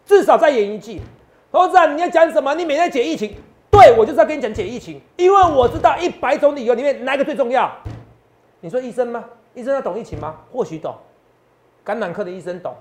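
A man's voice: extremely high pitch, animated, fast, a little mellow. A man, working as a stock market analyst and giving boastful finance talk show commentary full of rhetorical questions.

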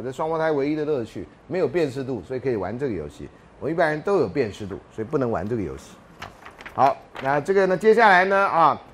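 A man lecturing a university class, telling jokes and anecdotes and often laughing mid-sentence. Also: fairly high pitch.

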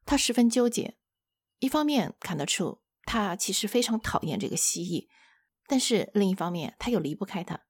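A woman hosting a book-sharing show, retelling a chapter in a steady storytelling manner. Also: medium pitch, moderate pace, slightly rough, dry recording, clean studio sound.

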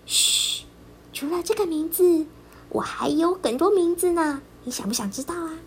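A woman doing a bright little bear cub boy. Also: extremely high pitch, animated, normal speed, slight background noise, voice pushed up. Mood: friendly. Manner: bright, earnest childlike voice.

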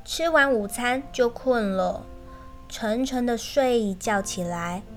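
A woman kindergarten teacher reads a picture book aloud in a gentle, sing-song way. Her voice is high and her pace unhurried. Soft music plays faintly behind her. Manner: gentle, sing-song, speaks to children directly. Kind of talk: children's picture-book reading.

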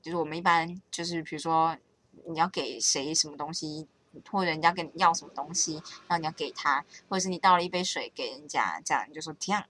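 A young woman vlogger with a Taiwanese Mandarin accent chats casually to her viewers on camera, talking fast in a low but fairly bright voice. She is playful, rambles, and corrects herself along the way, with a little hiss or hum in the recording.

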